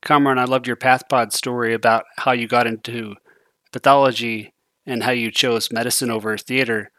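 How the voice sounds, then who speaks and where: A man's voice: mid-range voice, little pitch movement, normal speed, sharp tone, no room sound. A man co-hosting a podcast interview, asking a guest a question in a friendly way. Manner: friendly, inviting the guest to talk. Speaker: podcast co-host.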